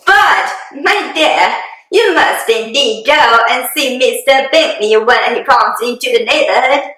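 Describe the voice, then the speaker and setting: A woman playing a fussy, excitable, self-pitying middle-aged wife and mother in a hammy, theatrical dramatic reading. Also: high voice, measured pace, exaggerated voice. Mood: insistent, fussy. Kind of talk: dramatic reading of a classic novel. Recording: very echoey room.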